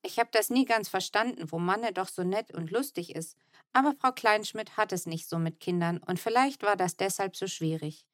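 A woman's voice: medium pitch, moderate pace, no room sound. Woman reading a children's story, dry sound. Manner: even, tender storytelling in the first person. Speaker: audiobook narrator. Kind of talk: scripted narration of a children's book.

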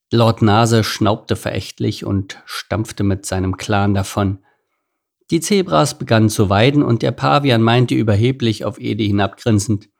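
A man narrating a children's animal story in a calm, measured storytelling manner. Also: medium pitch, creaky. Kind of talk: scripted audiobook narration.

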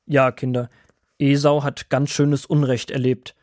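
A man voicing a kindly old grandfather woodworm in a children's audio drama, gentle, patient and fatherly. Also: medium pitch, flat delivery, unhurried, no echo, studio quality, close to an everyday voice.

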